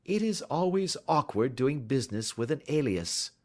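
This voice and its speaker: Man voicing a genteel detective, measured, sweetly ironic, lively, animated pitch. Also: lightly acted. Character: confident, genteel male detective, quietly amused. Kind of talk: audiobook character voice.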